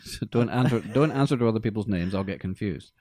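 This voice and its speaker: A man's voice: lowish voice, quick pace, warm tone, no echo. A man hosting a film podcast in a studio, chatting in a jokey, rambling way with many fillers. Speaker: podcast host. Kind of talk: casual chat about film music.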